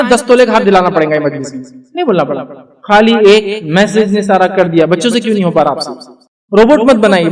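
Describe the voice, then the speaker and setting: A man addresses an audience in an earnest, questioning way, slipping English words into his speech. His voice sits high for a man. The mic is a little too far from him. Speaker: Islamic speaker giving a parenting talk.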